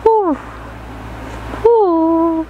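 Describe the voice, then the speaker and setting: A woman's voice: extremely high pitch, drawn-out words, narrow, tinny audio. A woman vlogger with a Filipino accent, talking while chewing and exclaiming at spicy food. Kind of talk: casual vlog chat while eating. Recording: noisy background with traffic.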